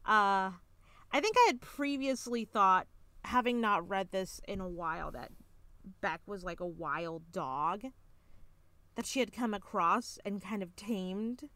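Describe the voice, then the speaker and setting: A woman's voice: medium pitch, no echo. A young woman co-hosting a casual podcast, chatty and playful, who laughs easily. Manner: chatty, giggly, gets loud and playful when rushed. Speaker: podcast co-host. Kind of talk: casual book-club chat.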